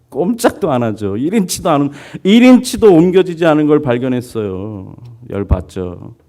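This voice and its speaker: A man's voice: on the high side, measured pace. A man preaching a sermon as pastor, telling a story, putting on voices for its people and asking the congregation questions. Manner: lively storytelling, voicing characters, asks congregation questions.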